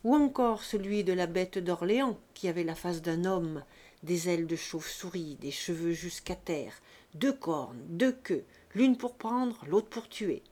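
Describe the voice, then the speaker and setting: A woman narrating an audiobook of a classic novel in a calm, measured reading voice. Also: fairly low pitch. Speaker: audiobook reader.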